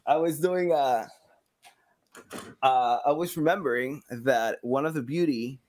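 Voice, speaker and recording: A man in his thirties with a medium-pitched voice guests casually on a podcast, stumbling a bit as he searches for words and acting out quoted asides with energy. He is a sound designer and community engagement director at a game studio, recorded indoors on a boom-arm mic in a small home studio.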